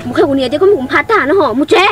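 A woman acting in an amateur drama, talking in a rapid, chattering way. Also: high-pitched, lively intonation, over music.

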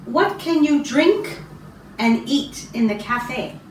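A middle-aged woman from Canada, an English teacher giving a speaking test, slow and encouraging with many ums and throat clears. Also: high voice, animated, slight background noise. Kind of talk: slow, patient test interview. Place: small classroom office, indoors. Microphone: far camera. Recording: roomy, distant camera sound.

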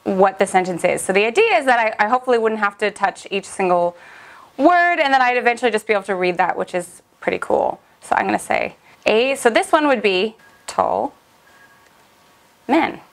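A woman's voice: mid-range voice, animated, moderate pace, creaky. A young woman vlogging in a casual, upbeat way as she reviews a language app, chatty and full of little fillers.

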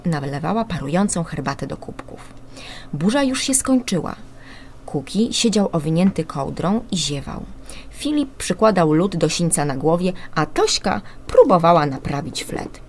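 A woman reading a children's story aloud on the radio, expressive and animated. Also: lowish voice, normal speed, a little hiss or hum.

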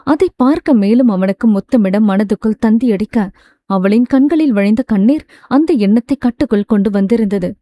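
A woman reading a romance novel aloud as a steady, smooth storyteller. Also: on the high side, normal speed, no echo. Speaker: audiobook narrator. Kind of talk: scripted narration.

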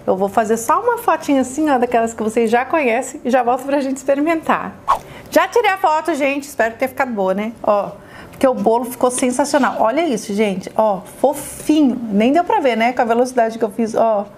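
A woman's voice: on the high side, lively intonation, brisk, darkish tone, slight background noise. A woman with a Brazilian Portuguese accent hosting a chatty cooking demonstration in a kitchen, effusive and exclamatory, fondly addressing her viewers. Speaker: cooking show host.

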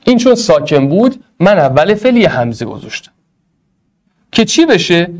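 A male teacher gives an energetic Arabic grammar lesson, talking straight to his students. His voice sits high and leaps widely in pitch as he plays with the class and urges them along. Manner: animated, playful, addresses students directly.

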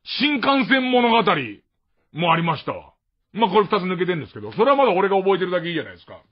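A man's voice: high voice, sing-song, rapid-fire. A man from Tokyo with a Tokyo accent hosting a late-night radio show, rambling through a casual, self-mocking monologue with frequent chuckles. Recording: muffled mono radio archive.

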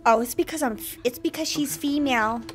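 A woman streamer giving casual, playful, expressive live commentary on a game. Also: high voice, brisk, faint music behind.

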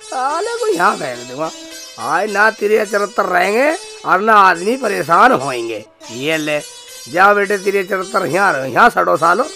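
A woman's voice: mid-range voice, very animated, a little slow, vocal fry, bright, forceful tone, full character voice. A woman playing a foolish, hot-tempered young village man who rants and curses to himself, in a comedy sketch with music behind. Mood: muttering. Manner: ranting, cursing, muttering to himself. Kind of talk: low-budget comedy sketch acting.

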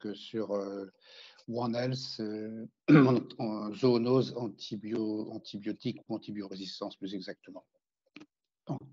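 A man's voice: on the low side, mellow, a little hiss or hum. An older man, a veterinarian, speaking in a video call discussion, hesitant and full of fillers and restarts. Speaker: veterinarian taking part in a webinar. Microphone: laptop webcam microphone. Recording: dull lo-fi video call audio.

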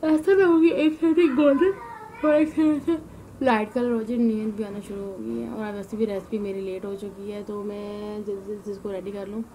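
A woman, the host of a home cooking channel, giving a chatty, homely voice-over while tired and weary from fasting. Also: mid-range voice, fairly even intonation, warm tone, slight background noise, rough recording. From Punjab, Pakistan. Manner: chatty and homely, sprinkles devotional exclamations. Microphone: voice-over mic, not in the pictured kitchen.

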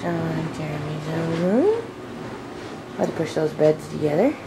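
Woman, old camcorder sound, heavy hiss, slow talker, lively up and down pitch, casual home tour. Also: gravelly. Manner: slow, offhand pointing out of rooms. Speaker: home video camera operator. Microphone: built-in camcorder mic. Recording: hissy old camcorder recording.

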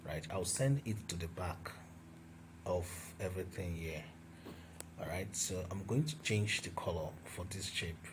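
A man's voice: low voice, measured pace, background noise. A man walking through a graphic design tutorial step by step as he works on screen, with fillers and restarts. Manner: talks through each step while working, with fillers and restarts. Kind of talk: screen-recorded software tutorial.

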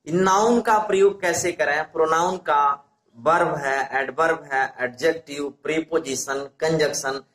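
A man's voice: high voice, a bit bright. A man teaching an English grammar lesson, patiently asking questions and answering them himself. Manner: slow, patient, asks and answers own questions. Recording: echoey room.

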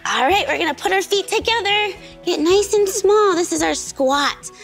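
Young woman coach, bright and encouraging; high voice that bounces up and down. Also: lively intonation, normal speed, vocal fry, music in the background. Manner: upbeat, encouraging. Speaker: gymnastics coach. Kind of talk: coaching children on a kids' show.

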